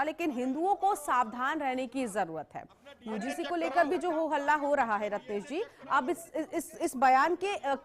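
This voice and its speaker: High-voiced female news anchor. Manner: firm, tries to calm arguing panelists. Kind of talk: moderating a TV news debate.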